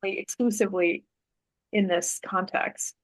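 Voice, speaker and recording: A woman guest talks in a relaxed, conversational way, wandering through her story. Her voice sits at an ordinary middle pitch. She stops to correct herself and fills the pauses. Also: poor audio. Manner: thoughtful, meandering, with fillers and self-corrections. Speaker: interview guest, artist and Human Design author.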